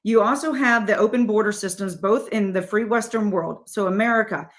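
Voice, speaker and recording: Speaking briskly in a mid-pitched voice, a middle-aged female guest drives home her political points in an interview. She throws rhetorical questions at listeners and talks straight to the audience.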